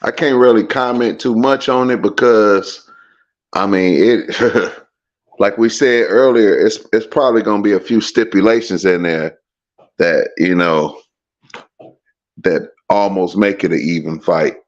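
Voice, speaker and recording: A man with a lowish voice hosts a podcast in a relaxed, casual chat. He talks loosely with slang and trips over his words at times. The sound is dull and a little lo-fi. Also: a little slow. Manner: laid-back, loose slang, some stumbles. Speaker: podcast host.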